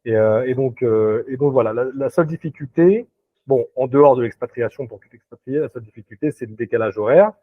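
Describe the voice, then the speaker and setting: A man's voice: mid-range voice, brisk, no room sound. A man who works as a recruiter, talking as a guest in a casual interview over a video call, hesitant, with many fillers and restarts. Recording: dry tinny video-call audio.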